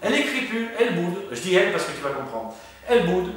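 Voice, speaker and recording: A man's voice: sits high, quick pace, very echoey, distant mic. A man telling a long personal story in casual conversation, acting out the voices he quotes with lots of fillers and restarts. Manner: lively, acts out quoted voices, frequent fillers. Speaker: medium telling ghost stories. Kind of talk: animated storytelling chat.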